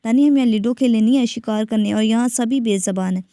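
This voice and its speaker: A woman's voice: a little high, fast, mellow, dry recording, studio quality, close to an everyday voice. A woman voicing a teasing young husband. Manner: teasing, self-assured.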